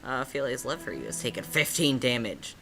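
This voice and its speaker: Over background music, a woman with a very deep yet fairly bright voice, full of big pitch swings, hosts a choice-based story game, reading it aloud at a brisk pace. Her narration of the playthrough is casual, with playful, sardonic banter.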